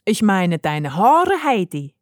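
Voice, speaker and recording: A woman voicing a kindly old grandfather who speaks calmly and soothingly, in a storybook reading. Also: medium pitch, slow, dry recording, clean studio sound. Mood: gentle. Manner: calm, soothing, relishing.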